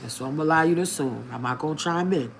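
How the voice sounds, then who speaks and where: A woman with a slightly low voice tells her own story directly to her viewers, outspoken and plain-spoken. Her speech is colloquial and punchy, with sudden emphatic lifts. A faint hum sits behind her. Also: racing, gravelly. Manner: outspoken and straightforward, colloquial, speaks straight to the audience; emphatic, with sudden rises in pitch and loudness. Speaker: video creator telling a personal story. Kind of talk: candid personal storytelling to viewers.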